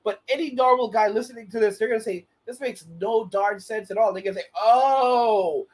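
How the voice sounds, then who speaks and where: A man's voice: high voice, fairly quick. A man in his late thirties hosting his own channel, giving casual rambling commentary and often restarting his phrases. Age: 30s. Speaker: channel host.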